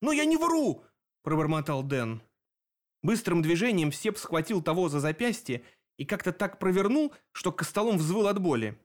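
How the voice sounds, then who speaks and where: A man reading an audiobook in an even, measured narration. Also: a little high. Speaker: audiobook reader. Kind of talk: scripted narration.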